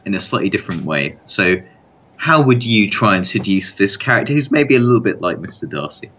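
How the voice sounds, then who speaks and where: A man talking in a measured way on a podcast, hedging often with "sort of" and "kind of". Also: fairly low pitch, big pitch swings, bright, forceful tone, breathy edge. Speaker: podcast panelist. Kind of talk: casual podcast chat. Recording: dull lo-fi sound.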